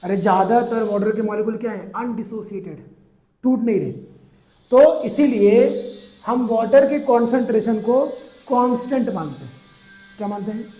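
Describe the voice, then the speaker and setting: A man teaching chemistry in a classroom lecture, asking students questions and answering them himself, calling them "beta," and drawing out English terms slowly. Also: high-pitched, warm tone, reverberant. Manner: mixes English terms into his talk, drawn out slowly.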